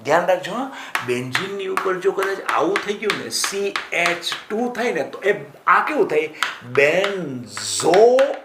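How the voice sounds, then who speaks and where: A man teaching chemistry exam prep in Gujarati, asking his students questions and answering them himself, stretching key terms out slowly. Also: sits high, expressive, echoey room, very noisy.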